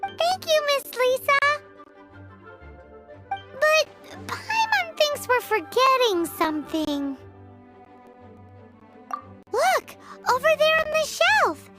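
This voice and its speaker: A woman voicing a tiny, cheerful childlike fairy girl in a video game, with a squeaky, eager voice. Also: sing-song, very slow, pauses often, pushed and bright, soft background music, exaggerated voice. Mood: eager, curious. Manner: refers to self in third person. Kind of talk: English video game voice acting.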